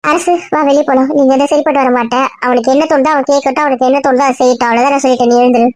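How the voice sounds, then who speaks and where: A woman's voice: high-pitched, flat delivery, rapid-fire, darkish tone, no room sound, natural voice. A woman playing a bossy friend who insistently orders people to leave in an amateur audio drama. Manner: commanding, insistent.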